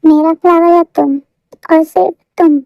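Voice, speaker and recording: A woman's voice: extremely high pitch, steady tone, moderate pace, vocal fry, mellow, no room sound. A woman voicing a teasing mafia boss husband. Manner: playful, flirty, boastful. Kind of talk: fan audio story. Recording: dull lo-fi dry recording.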